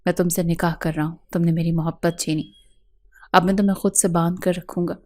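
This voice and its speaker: A woman's voice: lowish voice, flat delivery, mellow, close to an everyday voice. Cold vengeful young husband, voiced by a female narrator, hard and clipped. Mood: cold, stern. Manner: cold, stern delivery. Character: harsh vengeful young man, cold and bitter.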